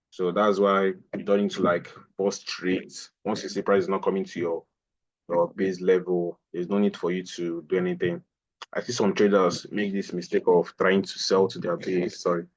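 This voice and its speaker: A trading instructor, a man whose voice sits low, walks through a price chart during a live online lesson, pointing things out and repeating phrases. The audio is dull.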